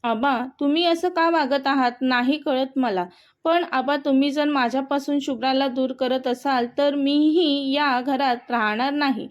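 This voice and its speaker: A woman's voice: high-pitched, fairly even intonation, measured pace. A woman voicing an earnest young husband who pleads to keep his wife, read as part of a storybook. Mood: resolute. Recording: dull, muffled audio.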